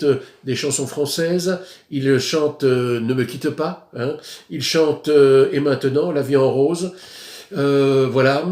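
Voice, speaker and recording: A man's voice: medium pitch, darkish tone. A man presenting his record purchases in a casual video, speaking hesitantly with many fillers. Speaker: record collector vlogger. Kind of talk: casual show-and-tell of purchases. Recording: echoey room.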